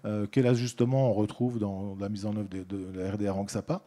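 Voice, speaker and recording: Mellow-voiced man giving a hesitant conference talk. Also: lowish voice, flat delivery, fairly quick. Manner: hesitant, many fillers and restarts, addresses audience and colleagues. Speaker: director of an addiction care organisation, conference speaker.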